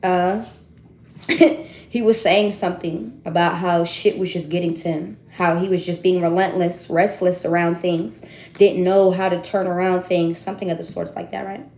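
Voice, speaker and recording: A woman giving a casual tarot reading to her viewers, chatty and animated, laughing often and swearing freely. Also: lowish voice, normal speed. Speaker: tarot reader. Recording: roomy echo.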